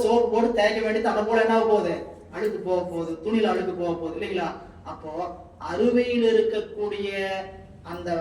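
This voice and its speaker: A man's voice: high voice, a little mellow, slight background noise. Echoey far-off man explaining scripture. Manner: slow, repetitive explaining with everyday examples. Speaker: spiritual teacher. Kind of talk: devotional scripture commentary. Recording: echoey room, mic far off.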